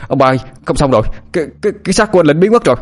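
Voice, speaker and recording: A man's voice: fairly high pitch, expressive, rapid-fire, voice pushed up. A man doing a stammering panicked young villager. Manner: stammering, breathless alarm.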